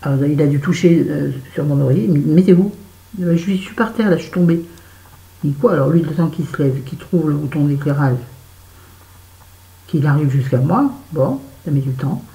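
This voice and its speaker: A woman's voice: low-pitched, a little fast, warm tone, reverberant, rough recording. A woman telling a story to her viewers in a casual vlog while doing her make-up, chatty and swearing freely. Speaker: vlogger. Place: bedroom at home.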